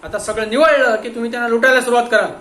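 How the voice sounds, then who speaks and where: A stern male police inspector shouts accusations during an interrogation, as a storyteller puts him on. The voice sits high and bright, forceful and cutting. It rings in a roomy space with a faint hum behind it. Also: a little fast. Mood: accusing.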